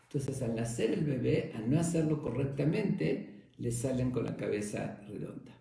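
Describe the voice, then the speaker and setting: A rabbi voicing a patient, fatherly old sage who answers softly, in an echoey room. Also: medium pitch, expressive, normal speed, creaky.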